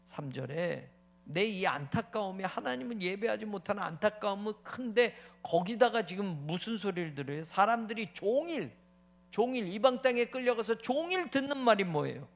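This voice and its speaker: A male pastor preaching a sermon, animated, asking rhetorical questions, addressing the congregation, and acting out mocking taunts and anguished prayers. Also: high voice, moderate pace, gravelly. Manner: addresses the congregation as "you all".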